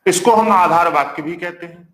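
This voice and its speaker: A man with a fairly high voice teaches a live online class. He says each point more than once and keeps asking the viewers to answer back. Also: normal speed. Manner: repeats points and quizzes the class; warm greetings to viewers. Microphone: marker on whiteboard.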